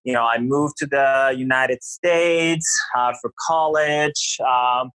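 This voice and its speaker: A man's voice: mid-range voice, fairly even intonation, slow, a bit bright, dry recording, low-quality recording. A middle-aged man from Bulgaria speaks as a podcast guest. He explains research in a thoughtful, rambling way, full of fillers. The recording is dry and close, with no room sound. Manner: thoughtful, many fillers like uh and you know. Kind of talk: conversational podcast interview.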